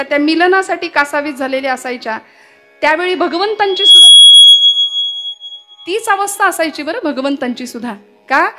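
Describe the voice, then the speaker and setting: A woman giving a devotional kirtan sermon. She tells the story dramatically, chants Sanskrit verses slowly and puts questions to the audience. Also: high voice, sharp tone. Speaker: kirtan performer.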